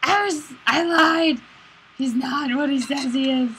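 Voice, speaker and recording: A young woman co-hosting a casual gaming let's play, excitable and prone to jumpy yelps. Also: high voice, a little slow, noisy background.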